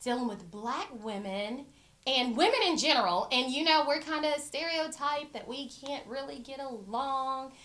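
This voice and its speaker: High bright voiced woman host, gushy and emotional, middle-aged. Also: moderate pace. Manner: effusive, emotional, gushing. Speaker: interview host. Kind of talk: warm interview chat.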